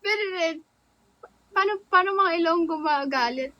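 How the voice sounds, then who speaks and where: A woman's voice: very high voice, normal speed, muffled recording. A young woman livestreaming, chatting playfully and reacting to viewer comments. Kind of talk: casual live-stream chat.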